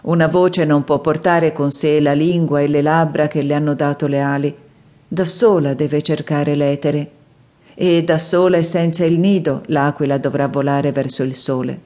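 A woman voicing a male prophet's inner speech in an audiobook, solemn and measured. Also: low-pitched, steady tone, warm tone, lightly acted. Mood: solemn, wistful. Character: male prophet, solemn and wistful, departing a city.

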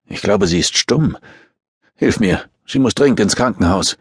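A man voicing a gruff, practical middle-aged man who mutters curtly. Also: on the low side, lively intonation, moderate pace, dry recording, studio quality.

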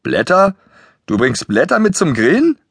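A man's voice: fairly high pitch, huge pitch swings, normal speed, creaky, husky, dry recording, studio quality, pitched above the performer's own voice, heavily acted. A man voicing a grumpy, greedy young boy pirate in a children's audiobook, with a sneering, disgusted manner.

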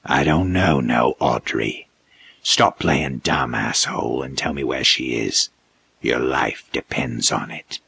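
A man voicing a towering, inhuman male creature who threatens slowly in a low, dark voice. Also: gravelly, breathy edge, full character voice. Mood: menacing. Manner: slow, low, threatening growl. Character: towering male monster, menacing interrogator.

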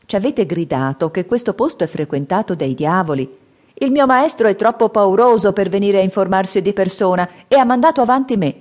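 A woman's voice: mid-range voice, expressive, brisk, a little mellow, voice pushed up, natural voice. Scimmiotto: a woman doing a cocky monkey king. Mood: polite. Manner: cocky, teasing. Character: cheeky shape-shifting monkey king, male.

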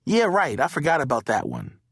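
A man voicing a calm, curious twelve-year-old boy who speaks eager and steady. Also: a little high, brisk, creaky, breathy edge, no echo, clean studio sound, voice pushed up, heavily acted.

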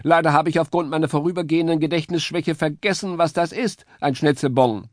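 A man's voice: a little high, brisk, no echo, clean studio sound, voice pushed up, close to an everyday voice. A man voicing a fussy, forgetful male woodpecker in a children's audiobook, talking pompously. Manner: pompous, chattering.

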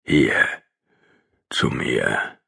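A man voicing a dying burn victim in an audiobook, speaking low, hushed and breathy. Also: extremely slow. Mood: urging. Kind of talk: audiobook dialogue reading.

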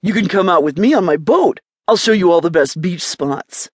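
A woman's voice: on the low side, animated, normal speed, no echo, clean studio sound. A woman voicing an easygoing, friendly outdoorsy young man in an audiobook. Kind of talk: audiobook character voice.

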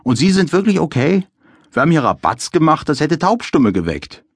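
Male reader plays a brisk, loud policeman, voice raised in pitch, matter-of-fact, audiobook scene. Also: sing-song, slightly rough, dry recording, studio quality, heavily acted.

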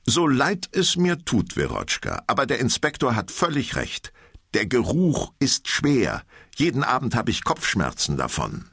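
Weary older woman, senior in the office, firm but tactful and prone to sighing, as a male narrator voices her. The voice rises above his own low register while keeping its gravelly edge. It is an audiobook in a dry, close sound. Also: wildly swooping pitch, measured pace, fairly bright tone, dry recording, exaggerated voice.

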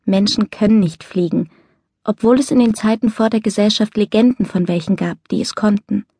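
A woman narrating a novel in the first person, in soft, measured storytelling. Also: medium pitch, slightly rough, no echo, studio quality. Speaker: audiobook narrator.

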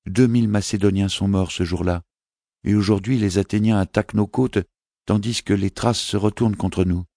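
A man's voice: on the low side, steady tone, normal speed, no room sound, studio quality, voice pushed up. A man doing an anxious little boy prince. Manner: soft, pleading, childlike questions.

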